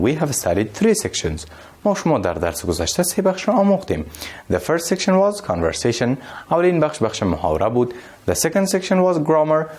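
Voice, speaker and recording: Lively man teaching English. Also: a little high. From Afghanistan. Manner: slow, drawn-out delivery with Dari explanations. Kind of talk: bilingual classroom lesson.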